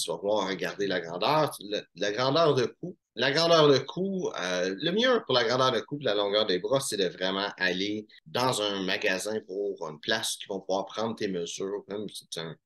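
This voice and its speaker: A Québécois man talks through menswear advice in a relaxed, chatty way, full of fillers and restarts. His voice sits a little on the low side. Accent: Québécois French. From Quebec, Canada. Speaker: menswear style YouTuber. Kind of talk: casual instructional talk to camera.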